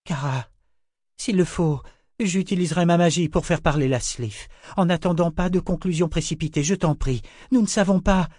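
A man's voice: medium pitch, expressive, normal speed, darkish tone, no echo, studio quality, voice pushed up, lightly acted. A man voicing a fierce, determined sorceress who speaks with urgent command in an audiobook.

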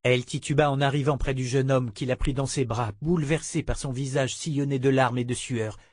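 Man, audiobook narrator, steady measured delivery, mid-pitched, dry studio. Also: no echo. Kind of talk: scripted narration.

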